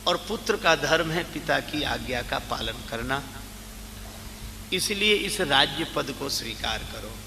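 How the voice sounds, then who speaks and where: Male preacher, sermon storytelling, bright voice, slow deliberate delivery, long hall reverb, faint background noise. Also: fairly high pitch. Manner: animated storytelling, acting out quoted voices. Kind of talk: Ram Katha sermon storytelling.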